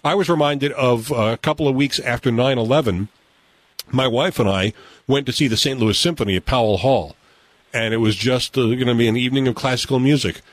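An American man hosting a radio show, telling stories and running a game in an animated, conversational way. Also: mid-range voice, fairly quick, no room sound. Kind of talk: broadcast talk, storytelling and game hosting. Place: radio studio. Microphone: close studio mic.

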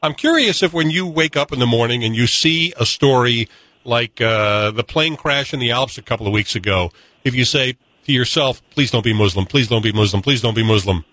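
Male talk radio host, bright, close-miked and dry, measured questions. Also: medium pitch, no echo, rough recording. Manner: measured, asks long set-up questions. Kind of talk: radio interview.

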